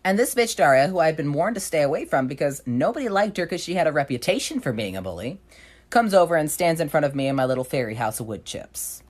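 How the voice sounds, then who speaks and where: Animated, very low-voiced young woman storyteller. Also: quick pace. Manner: blunt, profane and animated. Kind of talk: casual storytime narration.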